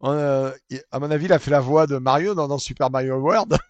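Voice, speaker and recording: Man, comedic reaction host, mocking, excitable, high lively voice, dry close mic. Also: a little fast, dry recording, dull audio.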